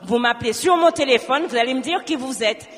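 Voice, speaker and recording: A woman's voice: high voice, fairly quick. Woman telling a testimony in a reverberant hall. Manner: animated storytelling, acting out both sides of a dialogue. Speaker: churchgoer giving a testimony. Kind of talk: spoken testimony.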